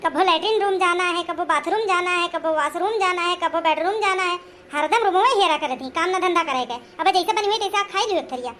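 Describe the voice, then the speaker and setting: A woman's voice: very high-pitched, brisk, a bit bright, slight background noise. An actress playing a nagging, scolding village mother-in-law who speaks an in a comedy skit.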